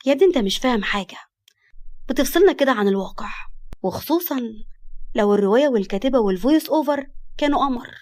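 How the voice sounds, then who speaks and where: A woman playing a sassy egyptian girl in an audio story, highish voice, fast mouth. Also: lively intonation, darkish tone. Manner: brash, sarcastic. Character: sassy sharp-tongued young woman.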